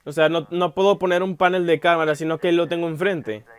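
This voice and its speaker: A young man giving let's-play commentary, rambling aloud with many fillers and bursting into loud yelps whenever something startles him. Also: a little high, steady tone, brisk, clear, resonant tone. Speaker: gameplay commentator.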